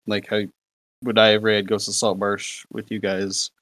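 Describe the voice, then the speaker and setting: A man in casual chat who rambles and restarts his sentences. His voice sits low. The sound is dry and close. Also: completely flat delivery, measured pace, fairly bright tone, no room sound. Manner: rambling, many fillers and restarts. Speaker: podcast co-host.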